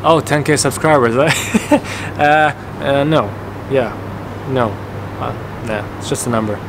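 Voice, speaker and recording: A young man in his twenties talks casually through viewer questions in an easygoing middle-pitched voice. He is relaxed and chatty, full of fillers and restarts. The recording picks up a roomy echo and clear background noise. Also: takes it slowly. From Canada and Qatar. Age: 20s. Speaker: YouTuber answering viewer questions. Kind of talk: casual Q&A vlog. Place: home office, then outdoor courtyard.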